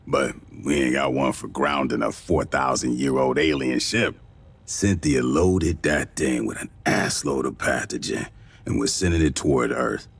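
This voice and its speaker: A very deep-voiced gruff marine sergeant. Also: male voice, heavily acted. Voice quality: rough, coarse slang. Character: gruff veteran male marine sergeant, blunt and profane. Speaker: marine sergeant giving orders. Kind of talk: video game cutscene dialogue.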